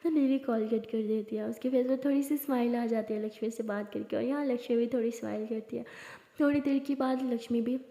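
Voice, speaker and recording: A woman's voice: a little high, fairly even intonation, brisk, dark tone. A woman narrating a love story in a plain, conversational storytelling way. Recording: roomy hall reverb.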